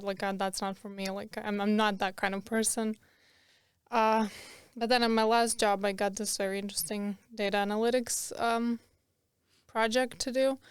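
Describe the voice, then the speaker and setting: Young croatian-born woman on a podcast, smooth clear voice, kinda flat, lots of um and like. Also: mid-range voice, no room sound, studio quality. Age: young adult. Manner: chatty, laughs often, many fillers. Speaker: podcast guest. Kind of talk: casual interview.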